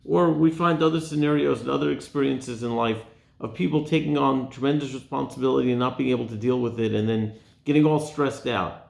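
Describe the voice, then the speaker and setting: A man's voice: fairly even intonation, fairly quick, gravelly. A man teaching the weekly Torah portion in an earnest tone, posing rhetorical questions and dropping his voice on key points. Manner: earnest, asks rhetorical questions, drops low on key words. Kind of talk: Torah talk to camera. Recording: echoey room.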